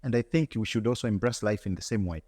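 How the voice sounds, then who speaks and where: A man's voice: on the low side, quick pace, a little mellow, big-room sound. A man from Tanzania, answering as an interview guest in an earnest, reflective way, often repeating words and restarting.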